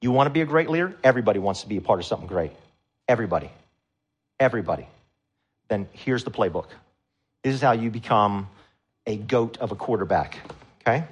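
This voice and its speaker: A man preaching a sermon to a congregation, animated and emphatic, with loud rising peaks. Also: on the low side, fast, long pauses, husky, muffled recording. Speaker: pastor.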